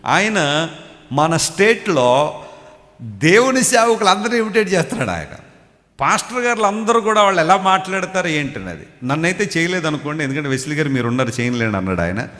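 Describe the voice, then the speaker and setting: A man's voice: on the high side, fairly bright tone. A man preaching a sermon, telling stories and asking his listeners questions directly. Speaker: pastor. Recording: long hall reverb.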